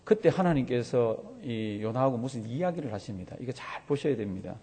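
A man's voice: medium pitch, expressive, brisk, mellow, slightly rough, in a large hall. A man preaching a sermon as pastor, telling the story animatedly and full of vivid sound words.

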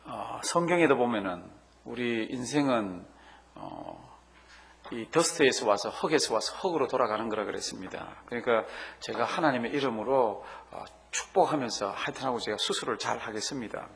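A man's voice: mid-range voice, normal speed, gravelly. Male preacher as a composed, patient doctor who answers politely. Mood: calm. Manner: calm and polite. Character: calm patient male surgeon.

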